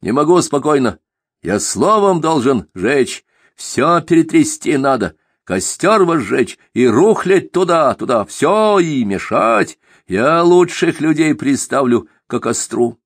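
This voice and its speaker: A man's voice: medium pitch, very animated, a little slow, slightly rough, no echo, clean studio sound, voice pushed up. A man doing a fiery, ranting self-proclaimed god. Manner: fiery, scornful, preaching.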